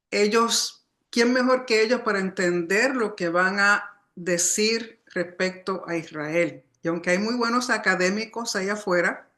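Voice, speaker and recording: A woman with a mid-range, fairly bright voice gives a religious study lecture, explaining things didactically and often reminding her listeners of points. She comes from a Puerto Rican family but was born outside the island.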